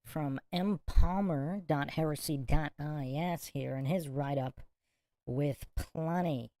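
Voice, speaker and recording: A woman's voice: low voice, slow pace, warm tone, no room sound. A woman hosting a livestream exposé podcast, reading out and commenting with smug sarcasm. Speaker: podcast host.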